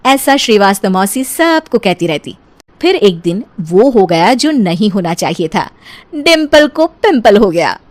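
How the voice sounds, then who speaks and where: A woman's voice: medium pitch, sing-song, unhurried. A woman narrating a scripted comic cartoon story as its storyteller.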